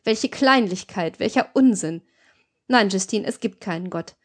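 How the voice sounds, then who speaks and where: Woman voicing a male robber chief, cynical, sneering, lecturing, deliberate, audiobook. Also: medium pitch, natural voice.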